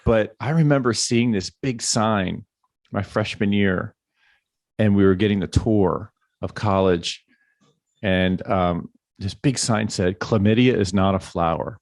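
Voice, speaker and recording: A man co-hosting a podcast, joking in casual chat and quick to tease and riff on his partner. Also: lowish voice, a little mellow, no room sound. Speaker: podcast co-host.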